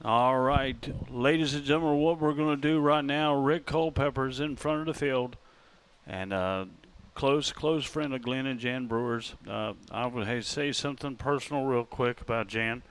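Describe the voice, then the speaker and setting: A man, the track announcer, speaking on the PA in an emotional, heartfelt, slightly halting way. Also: mid-range voice, fairly even intonation, smooth. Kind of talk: live race PA announcing. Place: outdoor racetrack. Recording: outdoor speedway with noise.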